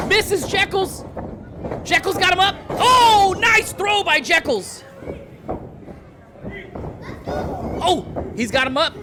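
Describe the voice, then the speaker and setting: A man doing excited play-by-play wrestling commentary in an emphatic, dramatic way, often shouting. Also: very high voice, slow, long pauses. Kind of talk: excited live wrestling commentary, calling moves and counts. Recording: loud crowd and music behind. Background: crowd noise and music.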